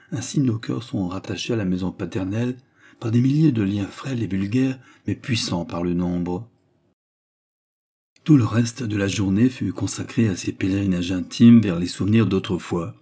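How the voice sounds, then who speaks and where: A man narrating a classic novel as an audiobook in a measured, even way. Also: lowish voice, husky.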